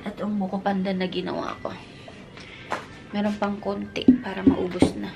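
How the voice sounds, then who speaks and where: A woman in her thirties from the Philippines, a mother chatting casually to her vlog audience, mixing English into her talk and cooing gently to her child. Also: mid-range voice, flat delivery, moderate pace, creaky, loud music behind the voice. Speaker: family vlogger, mother.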